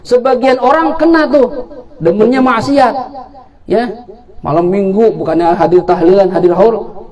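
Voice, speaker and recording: A man's voice: high voice, darkish tone. A man giving an Islamic sermon, telling stories animatedly and acting out the dialogue with jokes. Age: 40s. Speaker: preacher. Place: event hall.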